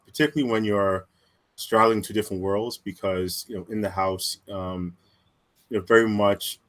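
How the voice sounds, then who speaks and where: This is a man around forty who grew up in New York, answering interview questions over a video call. His voice sits slightly low, and he talks in a relaxed, reflective way, often pausing to find his words. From Staten Island, New York, born in Cameroon. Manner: relaxed and reflective, with many pauses and fillers. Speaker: interview guest, entrepreneur. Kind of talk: conversational interview.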